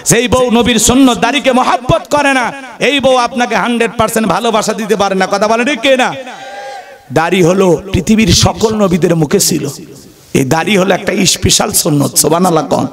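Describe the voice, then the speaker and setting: A male preacher delivers a lively waz sermon in a high-pitched voice. He keeps calling on the crowd for replies and acts out little scenes with humor. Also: brisk.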